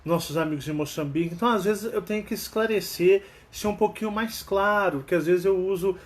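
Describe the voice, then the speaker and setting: A man's voice: high-pitched, brisk. A man from Brazil with a Minas Gerais accent, hosting his channel in a casual, rambling monologue full of tag questions. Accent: Mineiro, Minas Gerais. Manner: acts out quoted dialogue animatedly. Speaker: channel host.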